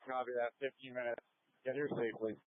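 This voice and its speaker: A man serving as fire incident commander, making brisk, clipped calls over an emergency two-way radio. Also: mid-range voice, flat delivery, no echo. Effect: two-way emergency radio transmission. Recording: tinny two-way radio, dry.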